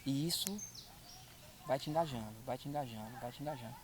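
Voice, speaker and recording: A man's voice: mid-range voice, quick pace, background noise. A man speaking as a podcast guest, earnest and repeating his points for emphasis. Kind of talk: casual chat.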